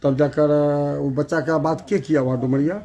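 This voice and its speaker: Reporter, field interview, pressing questions, dark mellow tone. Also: mid-range voice, fairly even intonation, fairly quick.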